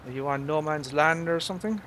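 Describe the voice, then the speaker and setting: This middle-aged Irish live streamer talks a little high and fairly quickly, his tone fairly bright, with a faint hiss or hum in the audio. While gaming, he chats loosely with viewers, wandering off topic, leaning on fillers and dropping the odd mild swear.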